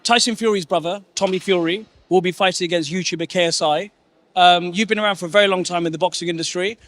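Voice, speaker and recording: A man's voice: high voice, steady tone, quick pace, fairly bright tone. A man reporting from a red carpet, eager, asking questions and adding short affirmations. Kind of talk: interviewing.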